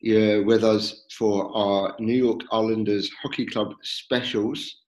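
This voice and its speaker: A man's voice: on the low side, fairly even intonation, slow pace, reverberant, low-quality recording. A man hosting a podcast interview, friendly and a little hesitant, with fillers and restarts.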